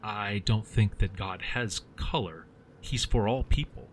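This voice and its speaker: A man voicing a nervous, earnest young missionary who stammers and rushes his words. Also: on the low side, a little hiss or hum, close to an everyday voice.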